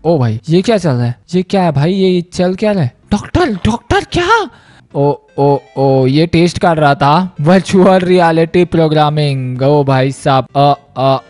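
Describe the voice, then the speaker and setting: A man giving excitable, exclamatory commentary over a mobile game, often shouting out in surprise. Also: on the high side, normal speed, hardly any pauses, faint music behind. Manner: exclamatory, animated, repeating "o bhai sahab". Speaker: gaming YouTuber. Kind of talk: excitable Hindi let's-play commentary.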